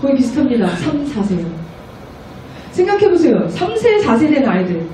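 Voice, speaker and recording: A high-voiced woman missionary preaching with lively energy, now and then slipping into children's voices. She sounds distant from the mic in a strongly echoing church hall, with faint room noise underneath. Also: normal speed. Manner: animated, acts out children's voices. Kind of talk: sermon at a prayer meeting. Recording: echoey room, mic far off.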